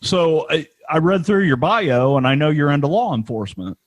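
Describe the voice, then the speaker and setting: Co-host, high-pitched man, eager interjector, dry close recording. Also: expressive, no echo. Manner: eager, quick agreeing interjections. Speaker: podcast co-host. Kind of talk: casual podcast chat.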